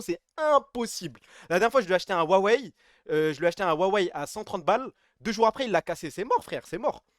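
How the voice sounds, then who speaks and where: Male streamer, high voice, dry close mic, rowdy joking chat with chat. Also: no room sound. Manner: animated, joking, reads chat aloud, swings loud and soft. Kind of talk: casual late-night stream chat.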